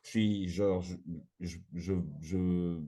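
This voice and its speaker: A man hosting a casual debate chat, slangy and hesitant, stumbling over his words as he thinks aloud. His voice is low and mellow. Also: steady tone, slow. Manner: hesitant, many fillers and restarts, slangy. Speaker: host.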